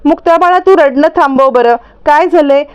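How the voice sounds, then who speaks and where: A woman voicing a calm, kindly elderly father-in-law who soothes the family. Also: high voice, moderate pace, lo-fi sound, pitched above the performer's own voice, close to an everyday voice. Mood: soothing. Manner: soothing, gentle.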